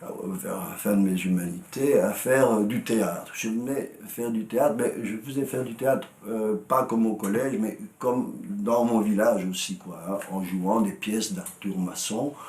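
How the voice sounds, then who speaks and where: An older Belgian man with a Walloon accent tells anecdotes in a gravelly, low voice. He acts out the dialogue as he goes, and the room adds a noticeable echo. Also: normal speed, hardly any pauses, a little mellow. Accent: Walloon Belgian French. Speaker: interviewee. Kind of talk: storytelling interview. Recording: roomy echo.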